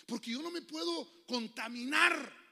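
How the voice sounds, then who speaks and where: A man preaching a sermon as a pastor in a church, shifting from fiery outbursts to quiet asides and speaking to the congregation as brothers. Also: very high-pitched, a little slow, creaky. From Honduras.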